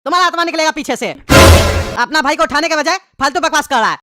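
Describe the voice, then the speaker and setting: A woman voicing a fast scolding cartoon dad. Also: high-pitched, loud music behind the voice, close to an everyday voice. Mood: angry. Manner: scolding, impatient. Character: exasperated scolding cartoon father.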